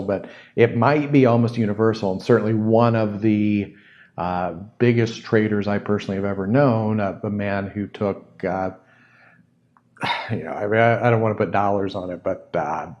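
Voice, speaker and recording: A man's voice: on the low side, darkish tone, highs cut off. A man hosting a solo podcast, answering a listener's question in a thoughtful, reflective way and often repeating words as he thinks. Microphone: studio microphone close to the mouth.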